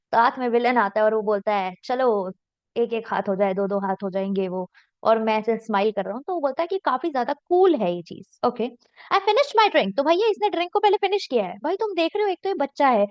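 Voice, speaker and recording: A woman teacher with an Indian accent explaining a story line by line, reading the English slowly and then chatting through it with lots of fillers. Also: fairly high pitch, no room sound, lo-fi sound. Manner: slow deliberate reading of English lines, quick chatty Hindi explanation with fillers.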